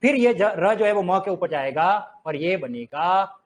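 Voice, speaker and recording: High-voiced man teaching a lesson. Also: lively intonation, measured pace. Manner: rhetorical questions and drilling students. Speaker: Hindi teacher. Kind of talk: classroom lesson.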